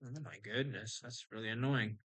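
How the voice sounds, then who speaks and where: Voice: mid-range voice, fairly even intonation, moderate pace, a bit bright, rough recording. A game streamer giving casual live walkthrough commentary, instructing and talking through each move as it happens.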